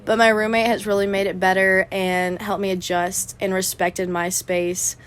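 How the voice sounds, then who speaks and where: Young college woman giving careful, articulate answers, mid pitch. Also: little pitch movement, moderate pace. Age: young adult. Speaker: interviewee. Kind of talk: prepared interview answers.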